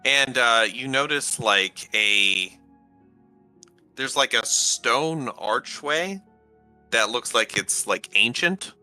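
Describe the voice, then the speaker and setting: A man running a tabletop game as game master, narrating in a halting way full of fillers and restarts. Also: medium pitch, animated, bright, forceful tone, soft background music.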